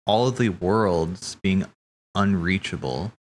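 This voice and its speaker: A low-voiced man streams casual, rambling theory commentary, thinking aloud haltingly, correcting himself and swearing casually.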